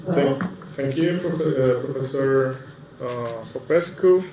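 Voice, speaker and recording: A man moderates a panel in a mid-pitched voice, handing over the floor with short, stumbling lines. He is heard from afar in a very echoey hall. Faint noise lies underneath. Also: slow pace, distant mic.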